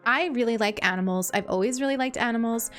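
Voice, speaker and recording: Female game streamer, sweet cartoon-princess tone, fairly high pitch, affectionate and gushing, music behind her. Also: fast talker, a bit bright. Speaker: game livestreamer. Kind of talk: casual livestream chat, thanking viewers.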